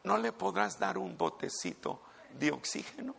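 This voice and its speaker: A desperate pastor begs insistently in a raised, gravelly voice, as a preacher acts him out. His pleas stay urgent and pressing. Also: high voice, wildly swooping pitch, moderate pace, a bit bright, pitched above the performer's own voice, exaggerated voice. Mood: pleading. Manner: pleading, insistent. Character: desperate pleading male pastor.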